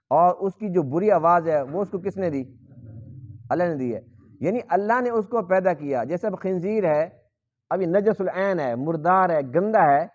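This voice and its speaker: A man's voice: a little high, darkish tone. A man with a Pakistani Urdu accent giving a Quran lesson in a mosque, earnestly explaining and asking rhetorical questions. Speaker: Quran teacher. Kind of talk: sermon. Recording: dull lo-fi recording.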